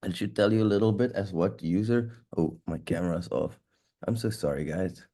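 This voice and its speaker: This security instructor, stuffy-nosed, rambles through a live demo of a tech tool and curses occasionally. His voice is deep and mellow, at normal speed.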